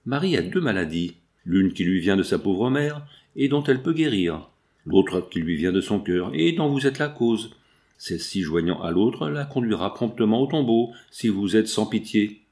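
A man voicing an anguished wealthy industrialist pleading for his sick daughter, with a low voice. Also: a little mellow. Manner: pleading, then harsh and insistent.

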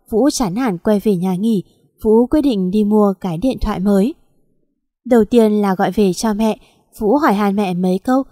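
A woman's voice: mid-range voice, mellow, no room sound, studio quality. A woman narrating a sad story in a plaintive, emotional reading.

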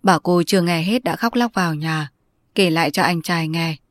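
A woman narrating a novel in a steady, measured storytelling manner. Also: lowish voice, no echo. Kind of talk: audiobook narration.

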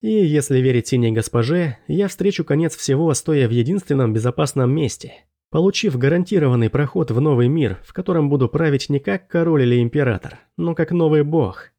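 A man narrating a first-person fantasy audiobook in a measured, steady storytelling manner. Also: a little high.

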